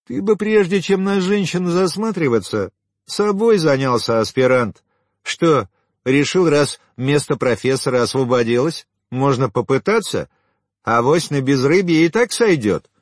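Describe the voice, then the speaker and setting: A man voicing a haughty, sharp-tongued widowed woman in an audiobook, scornful and teasing, then falsely sweet. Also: medium pitch, very animated, takes it slowly, slightly rough, dry recording, clean studio sound, voice pushed up, heavily acted. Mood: mocking. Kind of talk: audiobook character voice.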